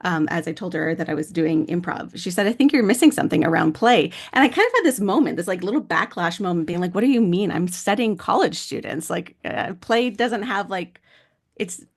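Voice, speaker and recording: A woman's voice: lowish voice, animated, a little fast, gravelly. A woman in her thirties facilitating a conference workshop, guiding a reflection and then chatting in a friendly, conversational way. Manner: friendly, conversational, uses fillers like "like". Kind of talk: guided reflection and conference talk.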